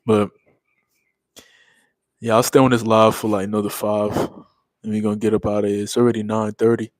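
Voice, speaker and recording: A man's voice: on the low side, little pitch movement, moderate pace, no room sound. Laid-back man hosting a livestream, slangy. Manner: laid-back, drawling, slang-heavy, calls everyone bro and man. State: tired, yawning after leg day. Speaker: livestream host. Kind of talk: casual livestream chat reading comments.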